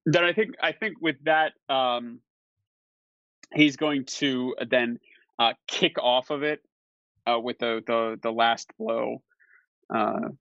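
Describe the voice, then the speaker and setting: A man's voice: medium pitch, takes it slowly, vocal fry, pauses often, a bit bright, no echo. A man playing a tabletop game, hesitant, with many fillers as he describes his moves. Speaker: player. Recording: dull lo-fi recording.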